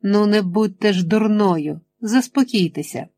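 A woman voicing a menacing, controlling male chemist in an audiobook, speaking slowly and insistently. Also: mid-range voice, warm tone. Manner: slow, insistent, threatening.

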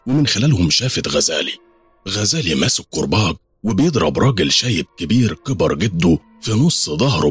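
A man with an Egyptian accent narrating a horror story in a lively, dramatic way. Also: extremely low pitch, husky, no room sound. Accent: Egyptian Arabic.

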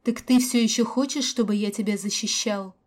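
A woman's voice: a little high, steady tone, normal speed, darkish tone, lightly acted. A woman reading the lines of a reserved adult man who speaks curtly and dryly in an audiobook. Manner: dry, curt. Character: reserved adult man, dry terse lover.

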